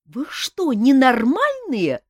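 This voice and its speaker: A woman voicing a fiery young female nymph dancer who scolds in a shrill voice. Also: huge pitch swings, a little slow, exaggerated voice. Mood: indignant.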